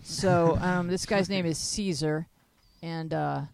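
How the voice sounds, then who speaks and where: A woman's voice: lowish voice, fairly even intonation, slow, vocal fry, darkish tone, slight background noise. Middle-aged woman, talk-show host, playful banter, handheld mic, small studio. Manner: playful, chatty, jokey. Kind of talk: casual talk-show hosting. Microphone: handheld mic, headphones on.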